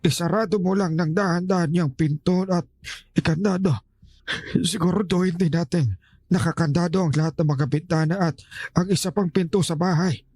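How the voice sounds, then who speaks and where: A man's voice: sits high, steady tone, normal speed, darkish tone, no room sound. An actor playing a stern, protective old grandfather in an audio horror drama, giving urgent warnings. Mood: grave. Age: older.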